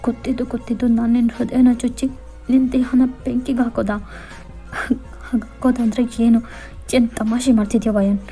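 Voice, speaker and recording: A woman's voice: a little high, level tone, moderate pace, mellow, soft background music, close to an everyday voice. Woman voicing a frantic young man. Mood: panicked. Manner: pleading, disbelieving outbursts. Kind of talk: Kannada fan-fiction voiceover.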